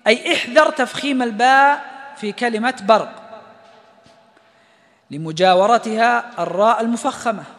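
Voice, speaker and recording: High-voiced man teaching Quran recitation. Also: fairly bright tone, big-room sound. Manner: explains rules, then slowly chants the example words. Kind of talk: tajweed lesson with recited examples.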